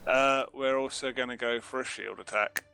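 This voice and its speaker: A man's voice: mid-range voice, steady tone, moderate pace, vocal fry, music in the background. A man running a tabletop game as dungeon master, hesitant with fillers.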